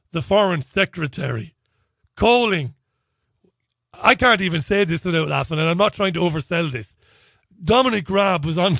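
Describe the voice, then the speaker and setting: A man's voice: sits high, vocal fry, a bit bright, no room sound, clean studio sound. A man hosting a talk radio show, delivering a sardonic monologue with frequent laughter and mock phone-call banter.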